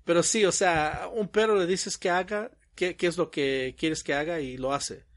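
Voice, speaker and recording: A man's voice: a little high, moderate pace, fairly bright tone. A young man chatting casually, telling stories animatedly and acting out quoted dialogue with frequent laughs. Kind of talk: casual chat.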